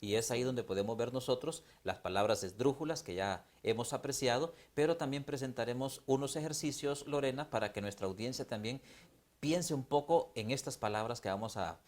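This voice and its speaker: A man's voice: medium pitch, fairly quick. A Honduran man with a mid-range voice co-hosts an educational TV lesson. He talks formally and directly to the viewers, recorded close on a studio mic. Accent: Honduran Spanish. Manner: formal, addresses the audience. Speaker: teacher co-host.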